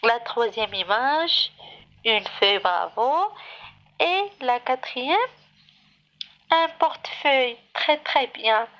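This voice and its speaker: A woman's voice: on the high side, expressive, takes it slowly, pauses often, a bit bright, highs cut off. A woman teaching a primary school reading lesson, spelling out letters one by one and praising the children often in a patient, encouraging way.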